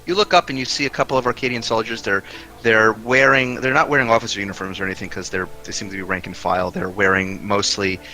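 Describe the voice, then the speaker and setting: A male game master with a fairly low, crisp-edged voice. He narrates a fantasy tabletop session in halting, improvised phrases. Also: steady tone, sharp tone, soft background music, low-quality recording.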